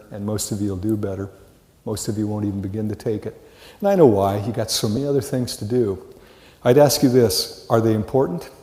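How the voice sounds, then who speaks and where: An American man aged sixty or older, with a voice on the low side, delivers a live lecture to college psychology students. He tells stories with animation, poses rhetorical questions, and acts out short dialogues. The large lecture hall gives the recording heavy reverb.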